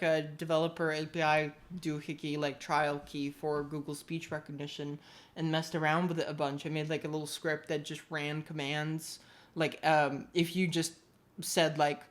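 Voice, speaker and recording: A woman from the UK chatting casually as a tech vlogger, rambling and ranting with opinions and casual swearing. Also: deep voice.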